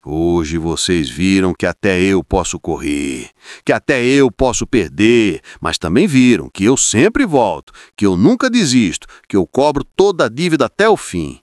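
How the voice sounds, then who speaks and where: Storybook bandit chief, grim and weary, put on by a man narrator, low and slow. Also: sing-song, no echo, clean studio sound. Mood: grim, resolute. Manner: tired but firm, low and slow. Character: weary, hardened male bandit chief, older.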